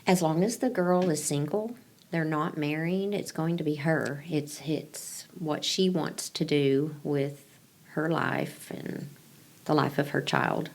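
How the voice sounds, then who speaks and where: Gravelly low woman, reassuring. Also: slow pace. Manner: reassuring, gentle, repeats key phrases. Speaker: pregnancy client advocate. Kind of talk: interview answers, counseling talk.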